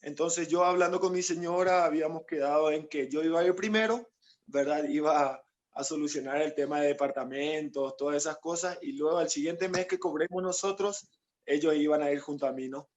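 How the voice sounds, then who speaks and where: A man's voice: fairly high pitch, fairly quick, muffled recording. A footballer from Paraguay, recounting his story in an interview and speaking in long, rambling stretches with many tag questions. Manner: rambling, quotes others, frequent "¿no?" tags. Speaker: footballer guest.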